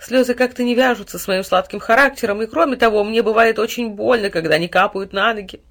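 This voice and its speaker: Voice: medium pitch, fast, fairly bright tone, pitched above the performer's own voice, lightly acted. Fawning, sugary male Sugar figure in a storybook , played by the narrator. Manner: sugary, ingratiating.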